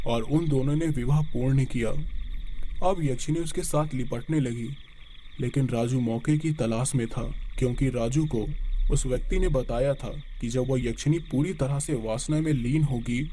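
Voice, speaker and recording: Male narrator for spoken horror tales, steady delivery, dark mellow timbre. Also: medium pitch, slight background noise.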